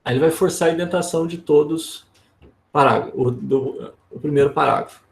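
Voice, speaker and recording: A man with a Brazilian Portuguese accent teaching an online workshop. His voice sits somewhat high and has a gravelly edge. He explains in a relaxed way and keeps checking in with his listeners. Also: normal speed. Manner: casual, explanatory, frequent tag questions. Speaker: instructor.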